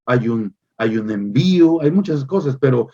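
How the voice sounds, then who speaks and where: A male pastor delivering a sermon in an emphatic preaching manner, repeating phrases and pausing with hesitant fillers. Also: mid-range voice, expressive, mellow, dull audio.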